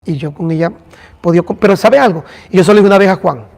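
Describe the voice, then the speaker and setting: A man's voice: high-pitched, quick pace, creaky, a little mellow, long reverb tail. A man, a pastor teaching a church class and talking directly to listeners by name. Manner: addresses listeners by name, conversational.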